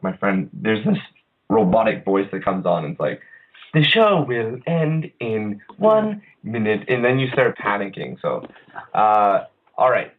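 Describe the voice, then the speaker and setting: A man hosting an online radio show, talking casually with lots of hesitations and restarts. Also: on the low side. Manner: halting, many uhs and restarts. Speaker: podcast host. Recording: phone-line quality audio.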